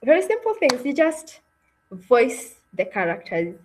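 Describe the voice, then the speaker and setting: On an online video call, a woman hosts a webinar read-aloud and narrates the story, staying encouraging and frequently checking in with listeners. Her voice is on the high side with huge pitch swings, and she takes her time; a little hiss or hum is audible.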